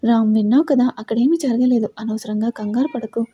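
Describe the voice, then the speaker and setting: A woman's voice: on the high side, a little fast, mellow, breathy edge, muffled recording. A woman voicing a worried young man who talks urgently, in a telling of a family story. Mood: firm, guarded. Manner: urgent, anxious.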